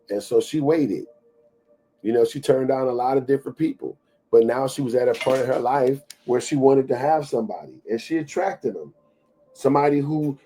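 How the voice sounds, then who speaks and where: Mellow-voiced man giving a motivational talk. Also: mid-range voice. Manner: preachy, conversational, repeats phrases for emphasis. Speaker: show host.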